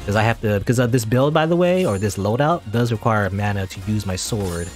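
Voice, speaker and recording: Over soft background music, a man hosting a gaming channel rambles through casual let's play commentary, frequently stopping to correct himself mid-sentence. He has a lowish, expressive voice and a brisk pace.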